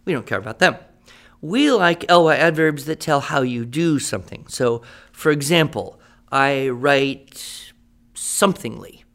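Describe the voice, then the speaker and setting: A radio drama features a man as a patient writing teacher who goes step by step and confirms his students understand. His medium-pitched voice is expressive, unhurried and a bit bright. The scene plays like improvised classroom teaching with an instructive mood.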